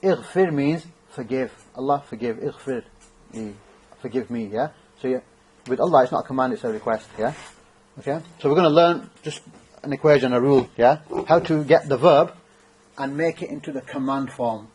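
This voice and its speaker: A man's voice: medium pitch, brisk, a little mellow, breathy edge, poor audio. A man teaching an Arabic grammar class, thinking aloud and checking in with his students. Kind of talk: classroom lesson.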